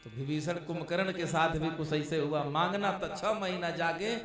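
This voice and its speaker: A man's voice: on the high side, steady tone, normal speed, fairly bright tone, recorded from a distance. A man preaching a devotional story sermon, acting out the dialogue and calling his listeners "maharaj". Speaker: Ram Katha preacher. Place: large live discourse venue. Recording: echoey live hall sound from afar, with music.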